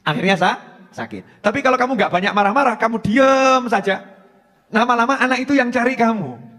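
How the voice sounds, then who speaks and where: High-voiced Javanese preacher in an echoing hall. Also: male voice, animated, quick pace, sharp tone. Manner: humorous, mixing in Javanese phrases. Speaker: Islamic preacher. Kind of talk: religious advice talk.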